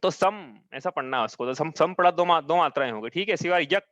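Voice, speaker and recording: A man's voice: on the high side, a bit bright, no room sound, highs cut off. A man teaching a live class, patiently explaining each step and often checking that his students follow. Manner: chants verses slowly. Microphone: own mic, audio only.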